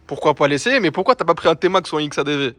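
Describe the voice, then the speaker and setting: A man's voice: fairly high pitch, lively intonation, fast, fairly bright tone. A young man bantering casually in street slang with a friend. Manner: French suburban street slang. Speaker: friend filming behind the camera. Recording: ambient background noise.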